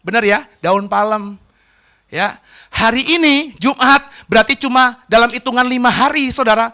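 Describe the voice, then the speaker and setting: Pastor cowok suaranya tinggi banget, tajam, khotbah semangat naik turun. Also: male voice, extremely high pitch, normal speed. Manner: emphatic, swings from soft asides to loud dramatic crowd cries. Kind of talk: sermon.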